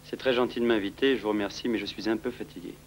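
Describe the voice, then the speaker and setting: An actor playing a polite, reserved schoolteacher who speaks drily in 1960s film dialogue. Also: male voice, fairly low pitch, fairly even intonation, quick pace, a little hiss or hum, close to an everyday voice.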